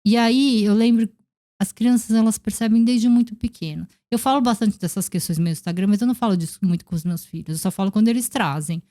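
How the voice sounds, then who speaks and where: A woman's voice: medium pitch, fast talker, dark tone. A woman with a Brazilian Portuguese accent, a podcast guest in her thirties, reflecting in casual conversation and acting out the people in her stories. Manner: reflective storytelling, acting out quoted dialogue.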